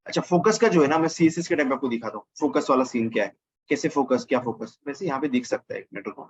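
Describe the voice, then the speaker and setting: Husky man teaching coding, thinking aloud. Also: mid-range voice, fast, dull audio. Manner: thinks aloud, corrects himself mid-sentence. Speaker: programming teacher. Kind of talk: casual screen-recorded coding lesson.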